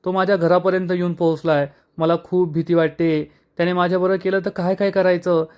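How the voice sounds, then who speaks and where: A man's voice: high-pitched, little pitch movement, brisk, a little mellow, clear, resonant tone, natural voice. A man voicing a distressed young woman in a recap of a television serial, pleading and frightened.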